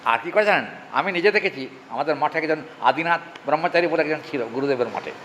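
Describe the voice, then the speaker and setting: A man giving a devotional scripture talk, chanting Sanskrit verses slowly and often asking his listeners questions. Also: on the high side, animated, a bit bright. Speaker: religious reader and preacher. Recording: hall reverb, faint ambient noise.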